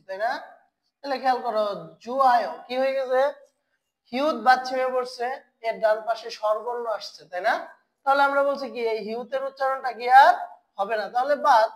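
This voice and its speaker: A woman teaching a language lesson. She asks her students questions, answers them herself, and draws syllables out slowly. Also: a little high, rough recording. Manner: slow, drawn-out spelling of syllables.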